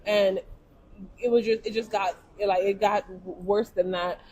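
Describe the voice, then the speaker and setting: A woman's voice: medium pitch, a little slow, rough recording. A woman born in Jamaica, a business owner, telling stories in a casual panel chat with lots of "like". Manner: animated storyteller, heavy use of "like". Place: trade show event.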